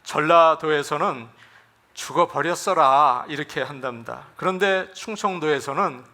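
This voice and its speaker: A man's voice: on the high side, a little slow, bright, forceful tone. A man preaching a Sunday sermon as pastor, folksy, acting out dialect lines. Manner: folksy, acts out regional dialect lines for humor. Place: church sanctuary.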